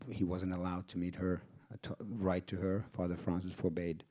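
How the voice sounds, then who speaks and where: A man's voice: low voice, flat delivery, moderate pace, dark tone. A man from Finland with a Finnish accent, a film director answering audience questions in a theater Q&A, hesitant and restarting as he thinks aloud. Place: theater stage before an audience.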